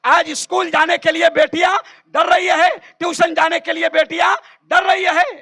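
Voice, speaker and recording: A man delivering a fiery campaign speech at a political rally, shouting call-and-response lines to the crowd. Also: extremely high pitch, flat delivery, moderate pace, creaky.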